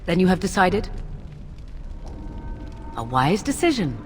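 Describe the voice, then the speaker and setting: A woman's voice: fairly low pitch, very animated, soft background music. Cool, persuasive witch, swooping intonation. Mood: guarded, composed. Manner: formal, archaic, measured phrasing. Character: cool, persuasive young witch offering a dark ritual. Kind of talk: dramatic fantasy game dialogue.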